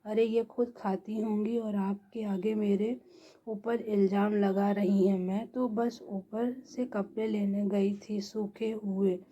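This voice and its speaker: A woman's voice: mid-range voice, warm tone, slight background noise, lightly acted. A woman voicing a sly young daughter-in-law who brushes off questions, in a dull lo-fi recording. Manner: dismissive, deflecting.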